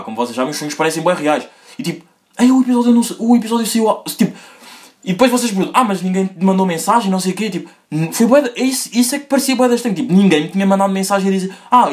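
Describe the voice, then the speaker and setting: A young man hosting a solo podcast in a rambling, slangy, casual way, his pitch jumping up when he gets excited. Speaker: podcast host.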